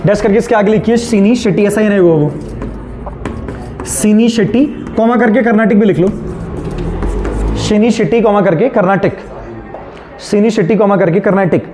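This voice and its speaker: High-pitched Indian man dictating class notes. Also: moderate pace, long pauses, music in the background. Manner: dictating notes, repeating phrases for students to write down; mixes Hindi with English terms. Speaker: teacher of a current affairs exam class.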